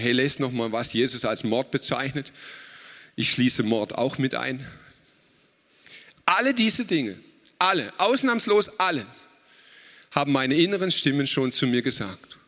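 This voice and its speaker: A man preaching a sermon at a church service, slow and emphatic, setting out words one by one. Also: medium pitch, lively intonation, a bit bright, long reverb tail.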